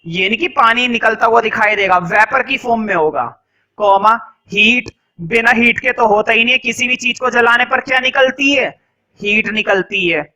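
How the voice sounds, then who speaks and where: Indian male teacher, very high, bright voice; quizzing lecture style, slow word-by-word dictation. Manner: asks questions and answers them himself; dictates notes slowly, word by word.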